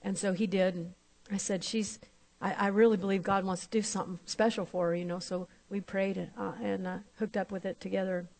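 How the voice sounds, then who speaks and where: A woman's voice: medium pitch, flat delivery, brisk, vocal fry, a little mellow. A woman minister telling a testimony in a sermon, acting out both sides of the conversation as she tells it.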